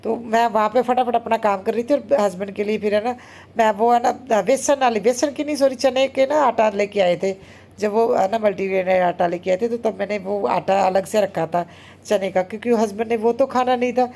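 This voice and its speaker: A woman in her thirties narrates her home vlog in a casual, chatty way. She talks very fast and keeps dropping little fillers as she goes. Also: mid-range voice, fairly even intonation, creaky, darkish tone. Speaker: homemaker vlogger.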